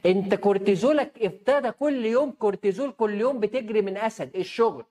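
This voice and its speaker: A woman's voice: mid-range voice, quick pace, warm tone. A woman doctor with an Egyptian accent giving a health advice talk, emphatic and posing rhetorical questions she then answers herself. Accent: Egyptian Arabic.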